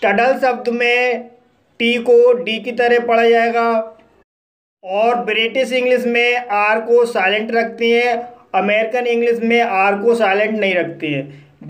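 Man, English teacher, high voice, unhurried, word-by-word dictation. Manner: dictates each word then its meaning, deliberate. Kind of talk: slow word-by-word translation lesson.

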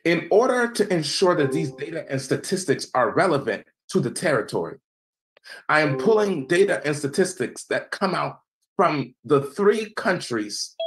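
This seminar presenter, a young American, lectures on evangelism with slides through a video call, speaking in a sing-song yet measured, emphatic and preacherly way. His phrase endings sink lower and quieter, and the audio quality is poor.

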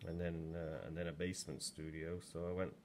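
Low-pitched, a little mellow and a touch fast, this man's steady voice accompanies his work in a pottery studio. He's in his sixties, English, and rambles with plenty of ums during a casual demo filmed over his shoulder, with slight background noise.

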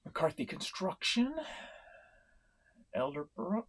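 A middle-aged man from St. Louis, Missouri, giving a casual vlog update on his online reselling, talking in a slow, rambling way with many fillers and restarts. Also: on the high side, sing-song, fairly bright tone, breathy edge. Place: home room, indoors.

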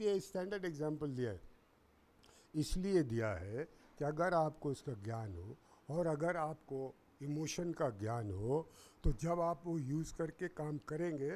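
A man giving a lecture on acting to students, animated, talking to the audience directly and acting out examples. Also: fairly high pitch. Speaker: acting teacher at a seminar.

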